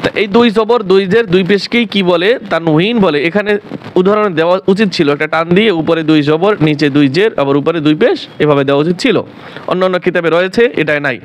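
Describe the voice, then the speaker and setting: High-voiced man teaching Quran reading. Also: slight background noise. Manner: slow, drilled letter-by-letter reading aloud. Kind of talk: recitation lesson for beginners.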